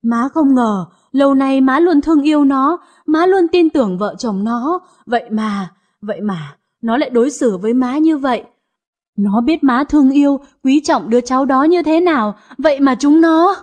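The figure is an aging mother , played by a woman narrator, who scolds with sharp words. The voice sits high and slightly husky, in a read-aloud audio story. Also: animated, moderate pace. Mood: tearful. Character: stern grieving elderly mother, family matriarch.

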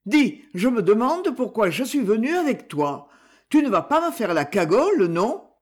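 Feisty old woman in her 70s, read by a woman, higher and brassy, blunt teaser. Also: very animated, normal speed. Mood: teasing. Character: feisty elderly woman from the south of France.

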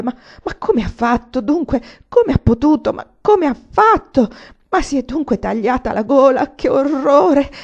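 A woman's voice: mid-range voice, mellow, close to an everyday voice. A woman voicing a grieving young man who cries out in horror and sobs, in a slightly dull lo-fi recording. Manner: anguished, crying out and sobbing.

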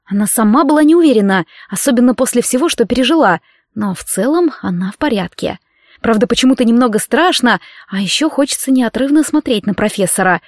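A woman narrating a romance audiobook in an expressive storytelling manner. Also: on the high side, fairly quick, no room sound, studio quality.

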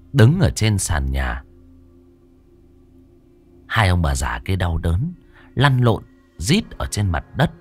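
A man narrating a horror story in a dramatic, suspenseful storytelling voice. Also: on the low side.

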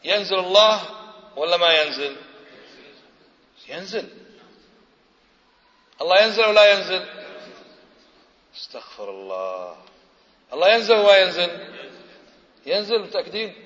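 A preacher lectures in a high, bright voice, pressing the audience with questions and answering them himself. The recording is muffled and carries the long reverb of a lecture hall. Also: male voice, sing-song, moderate pace, long pauses. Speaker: Islamic preacher. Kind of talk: religious lecture.

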